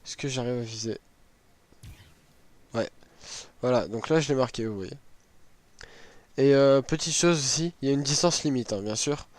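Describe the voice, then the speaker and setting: Hoarse, sick man casually presenting a game. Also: medium pitch, normal speed, pauses often, a little mellow, no echo. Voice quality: hoarse, worn-out voice. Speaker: gaming video host. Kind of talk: casual game item walkthrough.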